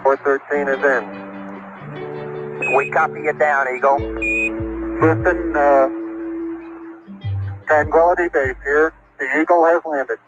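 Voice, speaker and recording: A man's voice: on the high side, steady tone, fairly bright tone, lo-fi sound, soft background music. A man giving terse, procedural mission callouts over a crackly space radio transmission with beeps, from archival audio. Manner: clipped, procedural, slow and measured.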